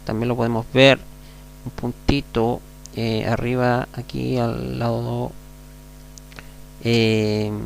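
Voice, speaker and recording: Patient Chilean male teacher, mid-pitched gravelly voice, faint electrical hum under the recording. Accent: Chilean Spanish. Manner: patient, repeats words slowly, asks "mm?" to check. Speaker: Hebrew teacher. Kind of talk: classroom lecture.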